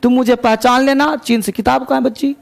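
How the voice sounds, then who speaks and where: Male English teacher, high voice, gravelly, unhurried story reading with explanation. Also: steady tone. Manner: slow, deliberate reading of English lines, quicker asides. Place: coaching class.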